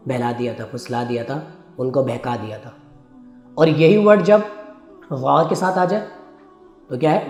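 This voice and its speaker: A man's voice: fairly high pitch, a little mellow. A man teaching Quran recitation in a religious lecture, explaining patiently and breaking into chanted Arabic verses. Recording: echoey room with faint music.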